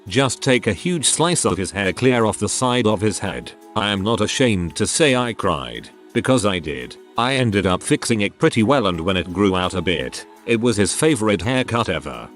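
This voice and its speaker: Low, lively man reading stories aloud. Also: moderate pace, hardly any pauses, soft background music. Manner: steady read-aloud storytelling. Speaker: narrator.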